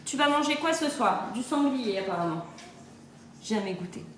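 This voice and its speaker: A woman who advises customers on kitchen appliances is on holiday, chatting upbeat on a phone livestream and answering comments between frequent laughs. Her fairly high, fairly bright voice is expressive at a normal speed, and the echoey setting sounds reverberant with a faint hiss or hum.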